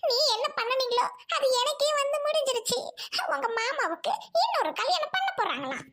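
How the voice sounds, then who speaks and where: A woman's voice: very high-pitched, big pitch swings, a little fast, background noise, heavily acted. A woman playing a childless young wife in a family drama skit, pleading and tearful. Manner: pleading, repeats "aunty" (mother-in-law) again and again.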